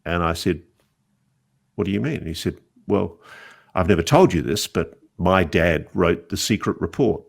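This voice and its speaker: A man, a journalist guest on a podcast interview, telling animated anecdotes. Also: deep voice, moderate pace, creaky. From Australia.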